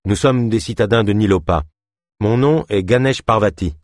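A man's voice: fairly low pitch, normal speed, no room sound, clean studio sound, close to an everyday voice. A man reading the part of an earnest male leader who questions strangers in an audiobook. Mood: questioning. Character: earnest man leading a group of city dwellers.

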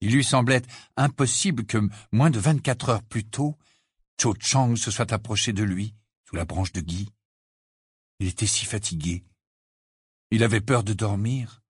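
A man narrating an audiobook in an expressive reading voice that softens on quiet passages. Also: on the low side, normal speed, husky, dry recording, studio quality. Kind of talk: scripted narration.

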